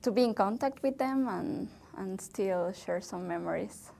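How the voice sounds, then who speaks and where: Slow, hesitant young woman from Ecuador. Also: medium pitch, gravelly, warm tone, a little hiss or hum. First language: Spanish. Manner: hesitant, searching for words, many fillers. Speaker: interviewee, English learner. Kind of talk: oral history interview.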